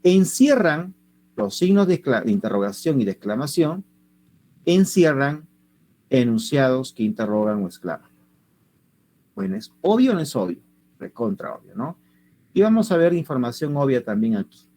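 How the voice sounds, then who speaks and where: A man's voice: mid-range voice, sing-song, brisk, mellow. A man teaching an online class. He asks his students lots of rhetorical questions.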